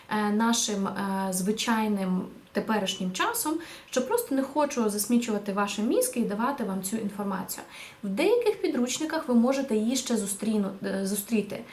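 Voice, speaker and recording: A woman's voice: fairly high pitch, a little mellow, echoey room. A woman teaching a video language lesson, explaining patiently and asking rhetorical questions. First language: Ukrainian. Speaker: Spanish teacher.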